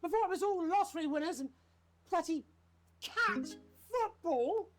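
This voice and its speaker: An actor playing a bitter, unhinged TV news anchor in a video game, with a British accent and a commanding, theatrical, sardonic manner. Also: male voice, very high voice, lively intonation, moderate pace, soft background music. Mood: exasperated rage. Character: unhinged, bitter male TV news anchor holding studio hostage. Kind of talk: dramatic live-broadcast acting.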